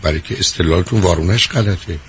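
A man's voice: low-pitched, a little hiss or hum. A man hosting a call-in advice show, lecturing a caller bluntly and repeating his points. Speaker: radio advice host. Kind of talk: call-in counseling.

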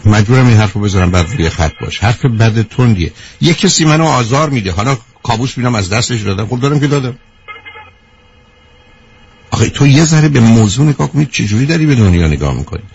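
A man's voice: medium pitch, expressive, a little mellow, a little hiss or hum. A man hosting a radio call-in advice show, talking directly and lecturing his caller, calling her dear. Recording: dull radio broadcast sound.

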